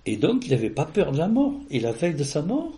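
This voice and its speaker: A man with a warm, mellow voice speaks in a casual, conversational way, as if sharing memories with an interviewer. His speech rambles, full of fillers and restarts. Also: a little high, huge pitch swings, fast. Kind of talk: casual personal storytelling.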